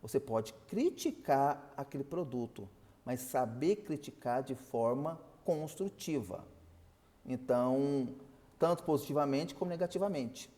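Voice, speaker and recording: A man's voice: medium pitch, lively intonation, measured pace, mellow, big-room sound. A man teaching a customer service class, explaining and asking his students questions. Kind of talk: online class lecture.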